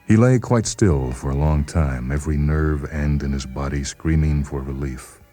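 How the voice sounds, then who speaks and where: A man reads literary fiction aloud as a short story narrator, his voice extremely deep and mellow. The delivery is measured, expressive and dramatic, with faint music in the background.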